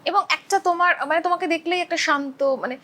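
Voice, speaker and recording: A woman interviewer asking familiar, halting questions with many fillers. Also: extremely high pitch, pushed and bright. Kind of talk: casual interview.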